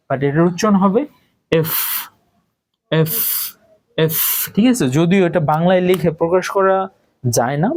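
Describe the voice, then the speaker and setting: A man from Bangladesh, teaching phonics in a spoken lesson. He says each letter sound slowly several times and keeps asking the listener whether they follow. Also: a little high, a little mellow. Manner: repeats sounds slowly, checks with questions.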